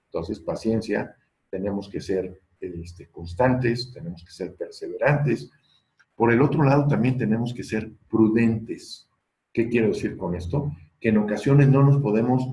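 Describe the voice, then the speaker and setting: Man, gravelly and warm. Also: mid-range voice, echoey room, poor audio. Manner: earnest, coaching, quotes people in lively voices. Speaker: speaker on personal growth. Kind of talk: motivational talk.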